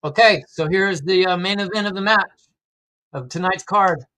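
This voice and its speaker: A man with a slightly high voice hosts a casual live stream. He talks conversationally and gives his opinions freely, answering viewers as he goes. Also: moderate pace, bright, forceful tone, poor audio. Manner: opinionated, conversational, reads out and answers chat comments. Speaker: livestream host reacting to wrestling.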